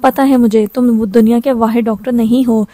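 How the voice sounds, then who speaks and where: A sleepy young man at base camp talks over the radio in an offhand, unbothered way. The voice stays fairly high and flat, with a dark tone. It is close and dry, an audio-novel figure read by a woman. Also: fairly quick, no room sound, natural voice. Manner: drowsy, offhand.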